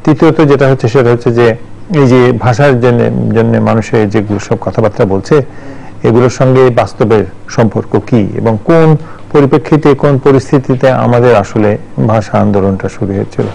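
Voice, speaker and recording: A man in his sixties gives studio commentary as a journalist and teacher. His voice carries a gravelly fry. He talks in a thoughtful, digressive way, restarting sentences and filling pauses with "um" and "ah.". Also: medium pitch, mellow, poor audio. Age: 60s.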